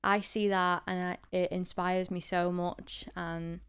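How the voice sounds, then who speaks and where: A young woman chats loosely on a podcast, rambling and laughing easily. Her voice is notably clear and smooth, set a little low, and a slight lisp shows through. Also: flat delivery, a little slow. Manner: chatty, rambling, laughs often. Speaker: podcast co-host. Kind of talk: casual chat.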